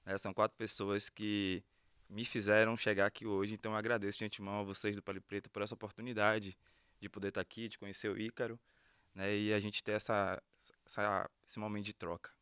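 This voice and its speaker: A man's voice: lowish voice, little pitch movement, a little fast, a bit bright, clear, resonant tone, dry recording, clean studio sound. A man, a sociology professor and guest on a podcast, speaking in an earnest, reflective way. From Salvador, Brazil. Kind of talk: casual podcast conversation.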